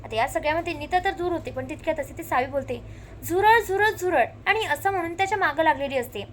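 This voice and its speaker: A woman narrating a recap of a television serial episode, telling the story lively and quoting the characters' lines one after another. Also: high voice, very fast, slight background noise.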